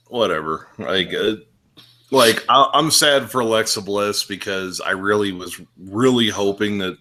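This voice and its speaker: A man co-hosting a wrestling podcast, speaking in a rambling, casual way and often restarting his sentences. His voice is fairly low but bright and forceful. He slides into animated rants as he talks. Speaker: podcast co-host.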